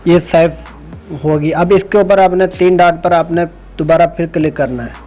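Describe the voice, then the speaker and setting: A tech tutorial host walks through a phone app step by step in an informal way, with music playing behind his voice. He speaks at a moderate pace in a fairly high, steady voice that sounds dark, with the highs cut off.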